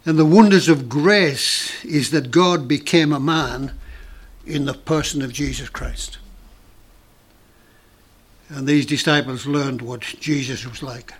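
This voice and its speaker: A man preaching a sermon in an earnest, emphatic way with dramatic pauses. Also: medium pitch, breathy edge.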